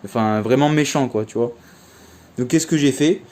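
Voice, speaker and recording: Chatty young man with a mellow voice. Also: mid-range voice, moderate pace. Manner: chatty, slangy, many fillers like "en fait". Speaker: vlogger. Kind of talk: casual storytelling vlog.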